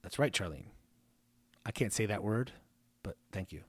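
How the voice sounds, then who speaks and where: A man's voice: lowish voice, animated, normal speed, breathy edge, dry recording. A man hosting a live stream, chatting casually, joking and reading viewer comments aloud. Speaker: livestream host.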